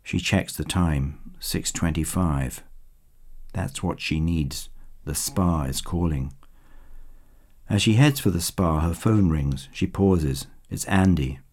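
Male audiobook narrator, deep and warm, wry delivery. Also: takes it slowly. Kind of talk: scripted narration of a short story.

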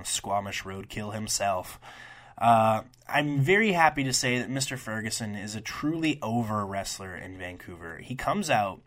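Young male podcast host with a lowish voice, casual and profane, rambling into rants. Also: fairly bright tone. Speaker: podcast host reviewing wrestling shows. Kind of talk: casual solo review podcast.

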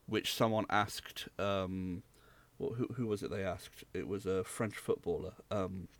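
A man's voice: low voice, fairly even intonation, a little slow, no echo. A young man from rural England, co-hosting a podcast in casual, rambling chat. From Southwest England. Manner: rambling, hesitant, explains at length. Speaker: podcast co-host.

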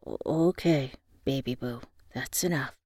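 A woman voicing an affectionate, soft-spoken young father with a hushed delivery in an audio story. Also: unhurried, no room sound, studio quality, full character voice. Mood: gently teasing. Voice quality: hushed, low.

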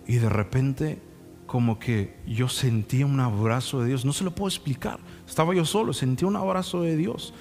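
A pastor preaching a sermon in an earnest, frank way, speaking plainly to the congregation and acting out prayers and conversations. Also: male voice, medium pitch. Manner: frank, folksy asides to the congregation. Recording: echoey hall with soft music.

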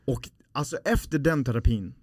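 A man's voice: medium pitch, darkish tone, slightly rough, no room sound, clean studio sound. A man, a podcast guest telling a personal story in a heartfelt, rambling way with many fillers.

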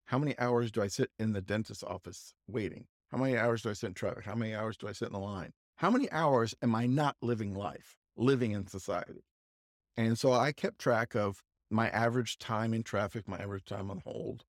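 A man co-hosting a podcast, telling a casual, halting anecdote full of restarts and asides. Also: fairly low pitch, no echo, clean studio sound. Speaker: podcast co-host. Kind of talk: casual storytelling chat.

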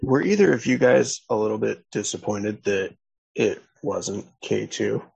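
A man's voice: on the low side, lively intonation, unhurried, gravelly, darkish tone, breathy edge, highs cut off. A man in a casual chat, throwing in offhand, rambling asides.

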